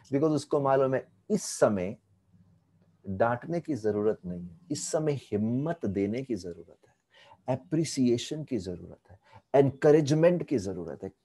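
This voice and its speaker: Over an online video call, a man in a mid-range voice shares a devotional story as a spiritual teacher, delivering it with animation and blending English phrases into his speech.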